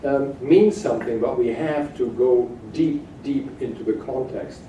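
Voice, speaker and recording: A man giving a halting academic keynote lecture, with frequent hesitations, in a conference room. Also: medium pitch, mellow. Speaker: keynote speaker. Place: hotel conference room, at a lectern. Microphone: far camera at back of room. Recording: echoey distant room recording with noise.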